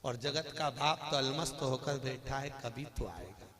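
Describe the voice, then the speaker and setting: A man giving a lively devotional sermon. He teases and questions his audience, swinging between loud outbursts and soft, low asides. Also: a little slow, crowd noise. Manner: lively, teasing, addresses the audience directly. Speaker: religious storyteller.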